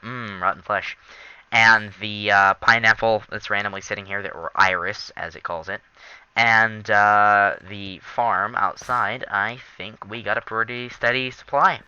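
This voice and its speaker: A man hosting a let's play of a game, giving casual, jokey gameplay commentary with quick asides. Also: on the low side, steady tone, pushed and bright, smooth, no echo, highs cut off. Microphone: laptop recording.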